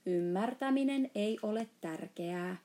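A woman's voice: mid-range voice, dark tone, close to an everyday voice. A woman voicing a big friendly male giant in a storybook reading, playfully mangling his words.

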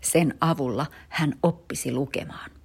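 A woman with a low, slightly husky voice reads a children's story aloud. Her delivery is expressive and her pitch moves a lot. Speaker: narrator.

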